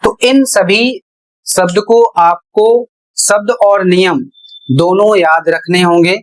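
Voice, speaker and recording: A male teacher explaining pronunciation rules at a board in a deliberate way, repeating each step. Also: high voice, steady tone, rough recording. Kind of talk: slow classroom explanation at a board.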